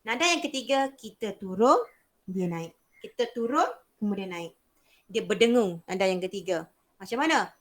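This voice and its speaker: A woman's voice: mid-range voice, animated, moderate pace. A young woman with a Malaysian Malay accent teaching a beginners' Mandarin class, explaining patiently and repeating sounds to demonstrate. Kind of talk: online language lesson.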